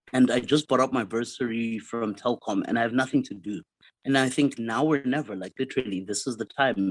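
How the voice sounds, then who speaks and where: A man's voice: mid-range voice, no echo, rough recording. Joking South African man in his fifties. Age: 50s. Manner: jokey, quick one-liners. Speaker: guest, comedian. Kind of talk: casual podcast interview.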